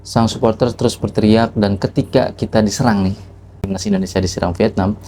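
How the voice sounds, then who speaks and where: A man's voice: lowish voice, fairly even intonation, a little fast, dark tone, a little hiss or hum. A man telling a reflective motivational story to the camera, asking rhetorical questions as he goes. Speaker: vlogger.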